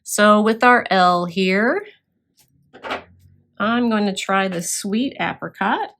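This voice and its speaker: A woman's voice: mid-range voice, takes it slowly, a bit bright, slight background noise. A woman instructor demonstrating scrapbook crafting step by step, explaining as she works with occasional fillers.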